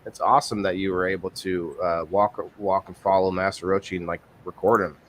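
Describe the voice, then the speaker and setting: A man with a low voice hosts a relaxed livestream podcast. He explains things in a loose, rambling way and keeps correcting himself as he goes. A faint noise sits under his voice. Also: a little fast. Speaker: podcast host. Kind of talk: casual livestream chat.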